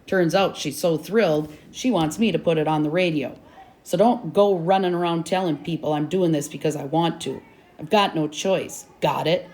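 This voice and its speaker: A woman's voice: deep voice, moderate pace, a little mellow, lightly acted. A woman voicing a tough sixth-grade bully in a read-aloud storybook, blunt and dismissive. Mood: grudging.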